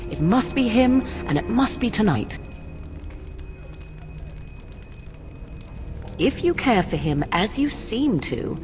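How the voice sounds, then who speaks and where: A woman's voice: mid-range voice, a little mellow, lightly acted. Woman playing a cool, persuasive witch, swooping intonation. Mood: insistent, cool. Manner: formal, archaic, measured phrasing. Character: cool, persuasive young witch offering a dark ritual. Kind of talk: dramatic fantasy game dialogue.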